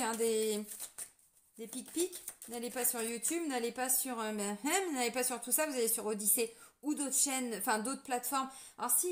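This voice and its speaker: A woman tarot card reader and energy healer, talking casually and earnestly to her viewers, full of fillers and tag words. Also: high-pitched.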